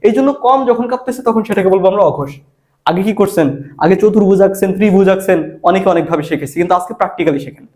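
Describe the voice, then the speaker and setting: A man's voice: high-pitched, racing, darkish tone. A man, teaching an exam prep lesson and asking and answering his own questions. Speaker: admission exam tutor. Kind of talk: spoken grammar lesson.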